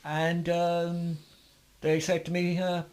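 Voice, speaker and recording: Older male musician guest, slightly high voice, meandering anecdotes full of uhs. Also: monotone, takes it slowly, a little mellow. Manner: rambling anecdotes with many fillers and restarts. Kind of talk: interview storytelling.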